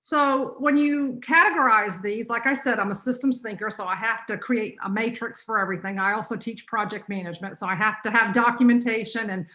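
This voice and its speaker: Fast-talking woman with a North Carolina accent. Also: on the high side, bright, forceful tone. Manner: fast-talking, chatty, with many fillers. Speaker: college business teacher presenting. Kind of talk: online conference presentation. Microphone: computer mic on a video call.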